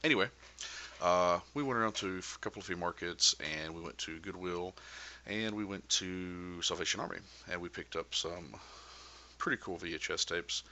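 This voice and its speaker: A man's voice: deep voice, normal speed, sharp tone, a little hiss or hum. A man in his thirties chatting casually and enthusiastically about his collection, with many "uh" and "um" fillers along the way. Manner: easygoing and enthusiastic, with frequent "uh" and "um" fillers. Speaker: VHS collector vlogger. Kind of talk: casual show-and-tell chat.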